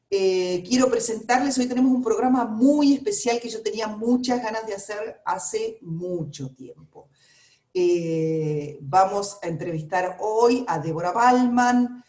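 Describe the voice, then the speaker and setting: A woman's voice: medium pitch, darkish tone, roomy sound. A woman with a Rioplatense Spanish accent hosting a radio interview, chatting with frequent fillers. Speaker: radio host.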